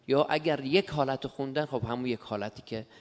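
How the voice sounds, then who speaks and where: A man's voice: mid-range voice, long reverb tail. A man taking part in a class, making his point deferentially and apologizing for disagreeing with the teacher. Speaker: class participant.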